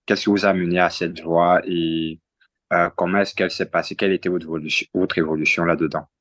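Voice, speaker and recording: A man with a very low voice asks polite, searching interview questions, often correcting his wording as he goes. The sound is dry and close, with no room around it. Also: level tone, fairly quick, a bit bright, no room sound. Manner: polite, rephrases himself mid-question.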